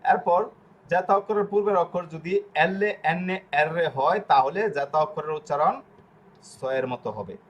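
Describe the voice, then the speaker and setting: A man teaching an online language class, explaining slowly, repeating himself and often pausing on fillers. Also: on the high side, lo-fi sound. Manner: slow, repetitive explaining with frequent fillers.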